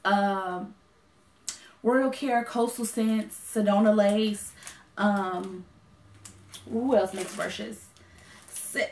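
A woman's voice: a little high, a little hiss or hum. A woman chatting casually about a makeup haul, rambling with lots of ums and self-corrections. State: has the hiccups. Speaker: beauty vlogger. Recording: echoey room.

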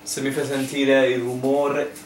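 A young man chatting casually in an excitable, insistent way. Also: mid-range voice, unhurried, far from the mic. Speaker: blindfolded challenge participant. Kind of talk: casual chat. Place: home kitchen. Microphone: camera microphone a few feet away. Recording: echoey room, faint background noise.

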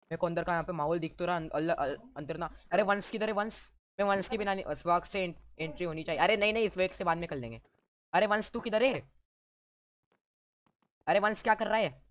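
Excited man shouting game orders. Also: sits high, brisk. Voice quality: teasing, bossy with teammates, shouts orders. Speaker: gaming YouTuber. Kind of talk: excited let's-play commentary.

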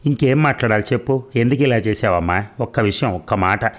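A man's voice: mid-range voice, a little fast, close to an everyday voice. A man voicing a furious, stern middle-aged father in a read-aloud serial novel, scolding in an indignant way.

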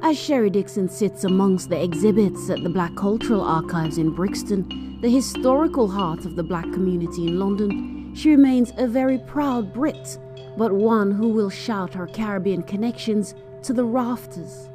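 A woman narrating a documentary in a calm, scripted way. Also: mid-range voice, normal speed, over music.

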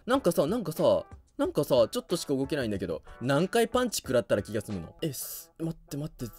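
Man, gaming commentary, excitable, animated pitch, slightly high voice, faint music behind. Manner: excitable, reacts loudly and laughs often. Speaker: gaming YouTuber. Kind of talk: let's play commentary.

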